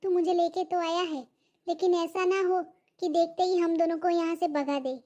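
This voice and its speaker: Lady doing a squeaky young cartoon bride, worried and complaining. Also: fairly even intonation, normal speed, mellow, muffled recording. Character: young bride, nervous then impatient. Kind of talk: cartoon comedy voice acting.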